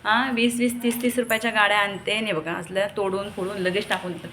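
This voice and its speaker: A woman's voice: mid-range voice, little pitch movement, fast talker, pushed and bright, a little hiss or hum. A young woman from Maharashtra, a mother of two, chatting casually to her viewers at home and scolding her kids in between. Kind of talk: casual family vlog chat to viewers. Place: home with a gallery.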